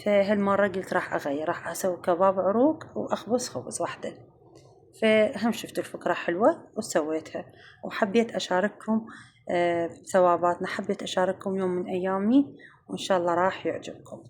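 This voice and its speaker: A woman's voice: mid-range voice, fairly even intonation, fast, darkish tone, a little hiss or hum. A woman with an Iraqi accent chatting to her viewers in a casual home cooking vlog, calling them girls and sweethearts. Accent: Iraqi Arabic. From Iraq.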